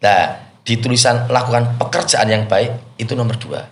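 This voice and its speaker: Man preaching, lively delivery, echoey hall, faint background noise. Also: medium pitch, normal speed. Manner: lively, acts out prayers and mock intonation. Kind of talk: Islamic study talk. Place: company prayer hall.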